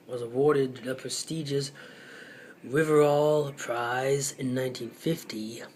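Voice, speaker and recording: Slow-paced male host, mid-pitched, reads aloud haltingly with quiet mumbled asides, faint background hiss. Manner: hesitant, halting, drops into soft muttered asides. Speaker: channel host. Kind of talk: casual reading aloud from a web page.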